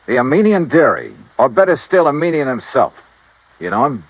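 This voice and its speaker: In 1950s radio-drama style, a male lead actor plays a brisk, confident, wry hard-boiled freelance insurance investigator, alternating first-person narration with dialogue in a clipped, probing delivery. His mid-range voice swings widely in pitch, and the muffled old recording has no echo.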